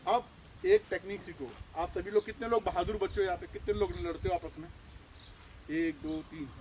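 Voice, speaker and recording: A man teaching village children outdoors, lively and full of questions to them. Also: high-pitched, moderate pace, a little hiss or hum. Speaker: outreach trainer.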